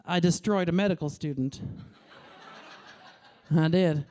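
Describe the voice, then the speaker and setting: A woman in her late thirties doing a stand-up comedy set on a club stage, brash and crude, with deadpan asides to the crowd. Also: on the low side, measured pace. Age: late 30s.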